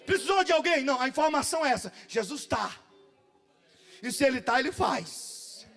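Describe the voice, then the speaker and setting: A man with a Brazilian Portuguese accent preaching a fervent pentecostal sermon at a church service, often shouting and chanting phrases. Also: extremely high pitch, animated, moderate pace, vocal fry, soft background music, some chatter behind. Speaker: pastor.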